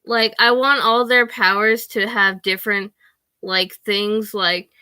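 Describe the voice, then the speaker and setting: Teen girl rambling in her bedroom, lots of likes and ums, slow and unhurried, dry close sound. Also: medium pitch, steady tone, pushed and bright, smooth, no echo. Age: teens. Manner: rambling, with many "like" and "um" fillers. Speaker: vlogger. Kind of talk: casual chat to camera.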